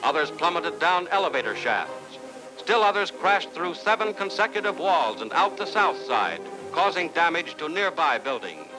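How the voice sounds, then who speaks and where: A man narrating an old newsreel soundtrack in a brisk, declamatory 1940s announcer manner. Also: on the high side, very animated, low-quality recording. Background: music.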